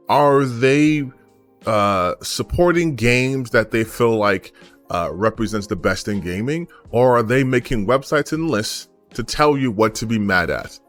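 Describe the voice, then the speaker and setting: A man's voice: medium pitch, expressive, measured pace, faint music behind. An American man, a gaming channel host, ranting his opinion off the cuff, emphatic and blunt, firing rhetorical questions and swearing casually. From United States. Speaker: gaming YouTuber. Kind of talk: unscripted opinion rant to camera.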